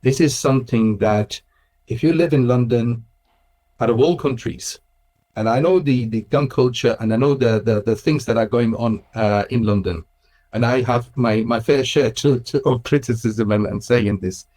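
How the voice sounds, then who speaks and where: A man's voice: mid-range voice, normal speed, mellow. A man from Switzerland in his thirties, speaking thoughtfully in a casual interview, restarting phrases and laughing now and then. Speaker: guest, Islamic school director.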